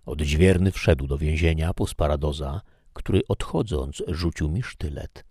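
A man narrating an audiobook in a measured, even reading. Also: very deep voice, husky, no room sound, studio quality.

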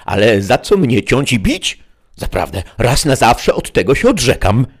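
A man's voice: medium pitch, sing-song, a little slow, slightly rough, pitched above the performer's own voice. A man voicing a coarse, stubborn peasant squire who talks in indignant bluster. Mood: indignant protest.

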